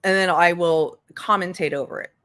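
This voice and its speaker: Speaking at normal speed in a fairly bright voice on the low side, this woman hosts a livestream offering legal commentary. She's unscripted and casual, swearing bluntly, sounding exasperated and hammering points home by repeating them.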